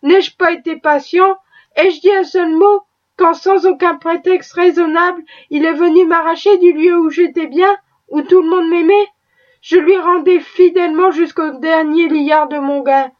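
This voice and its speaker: A woman's voice: very high voice, fairly even intonation, measured pace. A woman reading an audiobook, voicing an anguished young husband who speaks with bitter passion. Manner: bitter, impassioned. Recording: dull lo-fi recording.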